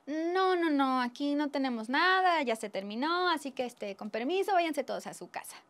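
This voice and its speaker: A woman voicing a group of greedy, stingy rich diners, shrill and bossy. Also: expressive, moderate pace, fairly bright tone. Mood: dismissive.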